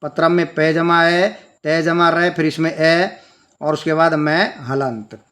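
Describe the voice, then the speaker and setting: A man's voice: on the high side, fairly even intonation, slow pace, a bit bright. A man teaching a children's language lesson, patiently breaking words into sounds and spelling them out step by step.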